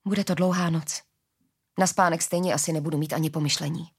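A woman reading a story, voicing a grumbling, easygoing young male guard on night watch, with a low husky voice. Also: fairly even intonation.

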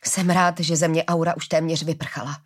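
Excitable curious man, scholarly and eager, read by a woman narrator. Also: fairly high pitch, close to an everyday voice. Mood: sad.

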